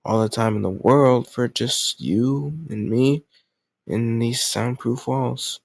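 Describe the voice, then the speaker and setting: In an intimate roleplay audio drama, a man plays a lovesick, possessive but awkwardly doting kidnapper who speaks straight to the listener with rambling reassurance. His medium-pitched voice is slow with vocal fry, there's no room sound, and the mood is reassuring and possessive.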